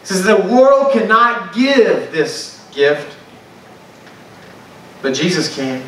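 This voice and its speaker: A man's voice: high voice, sing-song, slow pace, bright, forceful tone, slight background noise. A man preaching a sermon to a congregation, talking in a conversational way and asking the room questions. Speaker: pastor. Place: church sanctuary. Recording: echoey church sound from a distant mic.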